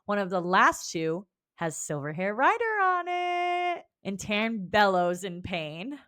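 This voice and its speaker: Casting: female book podcast co-host, lively up-and-down delivery, casual and profane. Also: mid-range voice, measured pace. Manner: animated, swears casually, laughs often. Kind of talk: casual book club chat.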